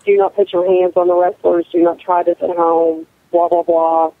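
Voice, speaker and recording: A woman's voice: lowish voice, level tone, moderate pace, dry recording. Blunt, matter-of-fact female co-host heard over a tinny, dry phone line. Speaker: co-host, wrestler. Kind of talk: casual radio chat.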